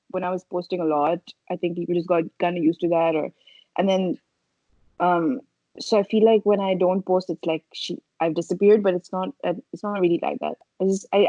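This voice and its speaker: A woman who makes social media videos chats casually as a podcast guest, sounding informal and hesitant as she explains herself. Her voice is low and mellow, and the recording is dry and slightly dull.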